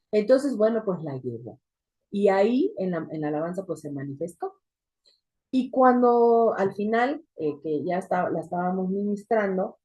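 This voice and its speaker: A woman leads a church women's group. Her voice is dark and mellow, and she tells a deliverance testimony in a storytelling way that jumps into emphatic peaks. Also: mid-range voice, slightly rough. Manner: storytelling with sudden emphatic rises. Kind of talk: testimony teaching.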